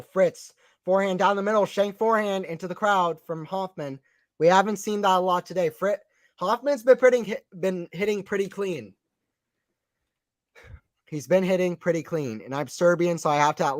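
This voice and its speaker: A man's voice: high voice, no echo, clean studio sound. Chatty young man calling tennis live. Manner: chatty, reads chat aloud, quick excited calls. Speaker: live stream commentator. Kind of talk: casual play-by-play and chat.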